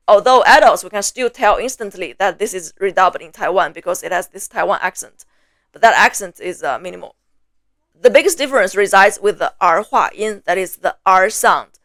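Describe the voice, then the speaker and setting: A woman's voice: mid-range voice, normal speed. A woman with a Mandarin Chinese accent gives a patient, methodical lesson on her native language. She lists examples one after another and sounds out each tone. The sound is close and dry, with no room echo. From mainland China. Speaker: Mandarin teacher. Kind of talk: explanatory lesson to camera.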